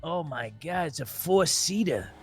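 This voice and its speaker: A man's voice: a little high, lively intonation, a little slow, soft background music. A man playing a deputy in a game roleplay, joking in a mock-grand, bossy way.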